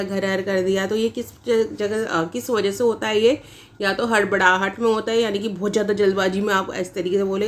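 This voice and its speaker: A woman teacher explaining points of a language lesson with examples and rhetorical questions, in words. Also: a little high. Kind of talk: online exam-prep lesson.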